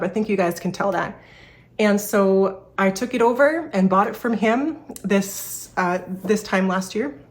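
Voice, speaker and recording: Canadian woman in her 30s vlogging to camera, bit out of breath, rambly, lots of restarts and ums. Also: medium pitch. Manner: candid, rambling, many restarts and fillers. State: a little out of breath. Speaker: furniture repair business owner. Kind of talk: personal vlog talking to camera.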